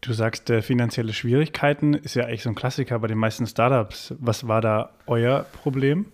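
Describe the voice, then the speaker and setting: A man's voice: mid-range voice, steady tone, a little fast, darkish tone. A man hosting a podcast, reading a scripted welcome and then interviewing a guest in a friendly way. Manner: friendly, scripted intro, laughs along. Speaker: podcast host.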